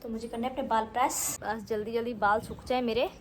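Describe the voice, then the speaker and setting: A woman's voice: fairly high pitch, fairly even intonation, fast talker. A young mother talking frankly in a casual home vlog, sometimes scolding her children, with faint kitchen sizzling behind her. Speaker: vlogger and mother. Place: home in northern India. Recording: faint background noise.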